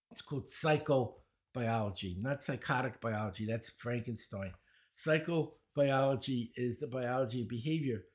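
An older man from Brooklyn, New York, appears as a guest and speed-reading teacher, giving casual interview answers. His voice is medium-pitched and Brooklyn-accented; he wisecracks, chuckles at his own jokes, and rattles off a rapid run of credentials.

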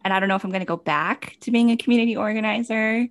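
A young woman co-hosting a casual podcast chat, wry and self-deprecating, often halting mid-sentence. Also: mid-range voice. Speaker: podcast co-host.

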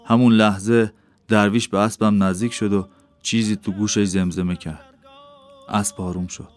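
Low-voiced guy narrating an audiobook, steady and unhurried, soft music in the background. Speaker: audiobook reader. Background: faint background music.

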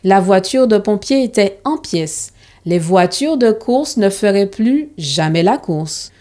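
A woman reading a children's story aloud in a calm, measured storytelling manner. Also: mid-range voice.

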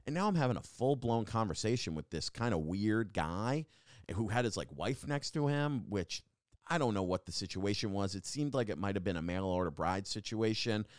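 A man's voice: on the low side, lively intonation, normal speed, no room sound, studio quality. A young adult man hosting a podcast, telling rambling casual stories with lots of fillers and restarts. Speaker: podcast host. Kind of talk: casual storytelling monologue.

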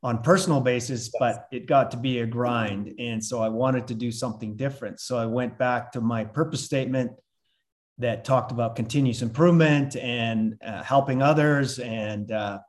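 An older man from Canada, a retired consultant turned coach, talking reflectively in a relaxed interview with many "uh"s and restarts. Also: mid-range voice, normal speed. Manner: reflective, with frequent fillers and restarts. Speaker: podcast guest, coach. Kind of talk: casual interview chat.

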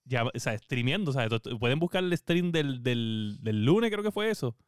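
A man telling a story in a casual gaming chat, animated and acting out what people said. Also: mid-range voice, moderate pace, clean tone, no room sound, clean studio sound. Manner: animated storyteller, acts out quotes. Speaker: podcast co-host.

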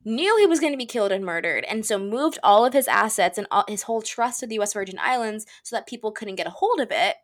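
A woman's voice: mid-range voice, animated, fast, hardly any pauses. A woman in her twenties co-hosting a podcast in casual chat, reading out news with sarcastic asides. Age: 20s. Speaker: podcast co-host.

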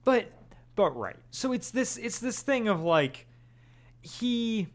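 A young man co-hosting a casual podcast, animated and quick to laugh, slipping into playful quoted voices as he talks through an episode. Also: extremely high pitch. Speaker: podcast co-host. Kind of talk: casual chat reviewing an audio drama episode.

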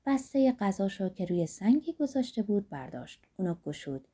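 A woman narrating a novel as an audiobook, measured and dramatic. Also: medium pitch, very animated, mellow, husky. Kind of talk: literary audiobook reading.

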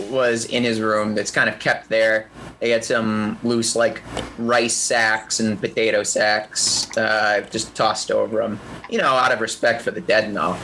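A man narrating a tabletop game as game master, describing scenes in a casual, halting way. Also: lowish voice, sharp tone, a little hiss or hum.

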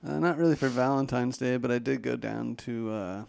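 A man's voice: mid-range voice, brisk, creaky, a little mellow, clear, resonant tone. A man co-hosting a podcast, chatting casually and rambling, with plenty of "like" and swearing. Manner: rambling, loose, with lots of "like" and swearing. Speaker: podcast co-host. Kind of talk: casual chat.

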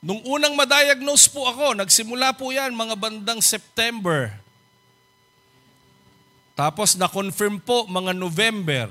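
A man preaching as a pastor shares a personal testimony in his sermon, using a high-pitched, pushed, bright voice at an unhurried pace. He tells it politely as a story, acting out the voices of the people involved.

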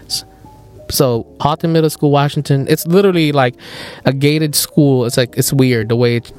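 A young man hosting a podcast, casually telling animated stories, laughing often and mimicking other people's voices. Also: medium pitch, moderate pace, faint music behind. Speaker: podcast host. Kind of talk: casual storytelling chat.

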